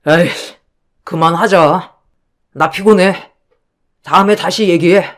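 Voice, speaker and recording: A woman's voice: on the low side, slow pace. A woman voicing a dismissive tired husband. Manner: dismissive, sides with his parents. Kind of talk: story drama voice acting.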